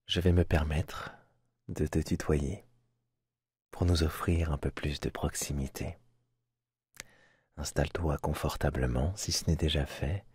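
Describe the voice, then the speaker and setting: A man guiding a sleep hypnosis in a soft, hushed, soothing voice, intimate and close, as if right in your ear. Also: extremely low pitch, husky, no echo. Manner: soft, hushed, soothing delivery with measured pauses. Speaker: hypnosis channel host and guide. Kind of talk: guided sleep hypnosis narration. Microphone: close microphone, binaural recording. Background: soft background music.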